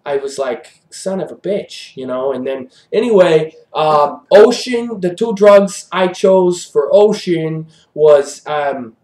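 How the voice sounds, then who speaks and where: A man hosting an improvised comedy review show, rambling deadpan with fillers. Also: on the high side, takes it slowly, few pauses, roomy sound.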